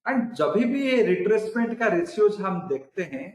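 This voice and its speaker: A man's voice: high voice, big pitch swings, moderate pace, roomy sound, poor audio. A man giving a recorded online trading lesson, explaining step by step and often restating his points. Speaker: trading instructor.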